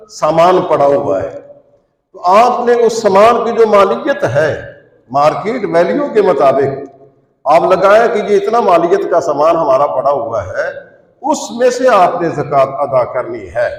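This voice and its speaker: Emphatic preacher in an echoing hall. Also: male voice, a little high. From Pakistan. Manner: instructive, rising emphatic peaks on key points. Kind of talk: Friday sermon. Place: large mosque prayer hall. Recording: echoey mosque hall from far off.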